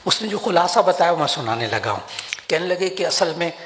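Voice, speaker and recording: This is a sermon from an older scholar speaking to an audience in a big hall, long reverb trailing his words and faint noise in the background. He's animated, lifting his pitch to drive points home and slowing down when he turns to Quranic prayers.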